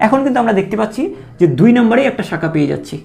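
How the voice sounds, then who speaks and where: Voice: medium pitch, animated, rapid-fire, gravelly, mellow. A chemistry teacher, lecturing and repeating each step while asking the students questions. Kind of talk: classroom lecture.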